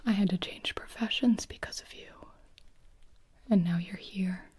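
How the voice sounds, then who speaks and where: A woman whispering hesitantly as a doctor in an ASMR roleplay, with soft fillers and pauses. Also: mid-range voice, fairly even intonation, slightly rough.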